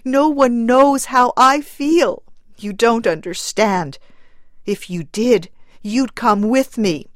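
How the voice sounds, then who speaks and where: A woman's voice: fairly high pitch, sing-song, slow, dry recording, pitched above the performer's own voice, exaggerated voice. A woman voicing a grieving young mother in mourning, pleading in a choked, wild voice. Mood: anguished.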